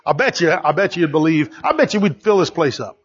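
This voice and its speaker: Animated pastor preaching, muffled. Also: male voice, a little fast. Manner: animated, swinging between loud exhortation and low asides. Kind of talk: sermon.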